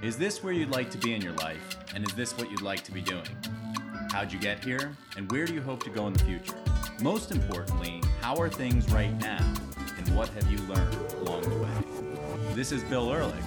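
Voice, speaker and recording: Lively low man over loud guitar. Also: moderate pace. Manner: asks a string of questions. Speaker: podcast host in a promo. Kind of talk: scripted promo read.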